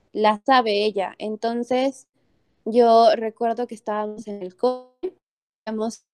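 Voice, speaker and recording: A woman's voice: fairly high pitch, warm tone. A young woman with a Mexican accent, earnestly telling a personal story with many fillers and restarts.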